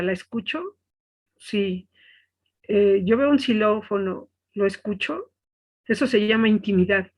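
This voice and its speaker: A woman teaching an online class, explaining step by step and often asking "¿sí?" to check on her students. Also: medium pitch. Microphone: webcam.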